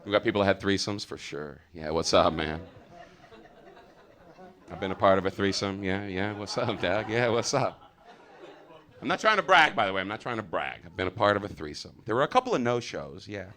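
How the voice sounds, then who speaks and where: A young American man doing a stand-up comedy set on stage, loud and swearing, his voice jumping high on punchlines. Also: animated, fairly quick, some chatter behind. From United States. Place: comedy theater with a live audience.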